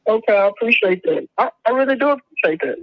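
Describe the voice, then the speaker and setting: A man's voice: high voice, fast, dry recording. A man calling in to a podcast, heard through a phone held up to the mic, talking casually and a little hesitantly. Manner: casual, relaxed, slightly hesitant speech. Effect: phone call heard through a phone held up to the mic. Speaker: podcast caller. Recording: muffled, dull phone sound, dry.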